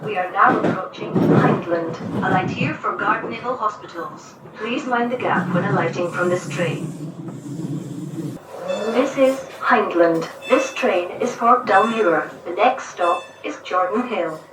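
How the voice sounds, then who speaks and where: A woman giving measured, formal station announcements over a train's intercom. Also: medium pitch, heavy background noise. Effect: played over the train's intercom. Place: inside a moving train carriage. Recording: echoey onboard speaker heard from a distance.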